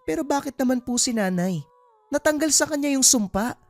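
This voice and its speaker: A woman's voice: sits high, expressive, fairly quick, dry recording. A woman playing a distressed young daughter. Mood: pleading, distressed. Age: young adult. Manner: pleading, urgent questioning. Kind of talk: dramatized horror story.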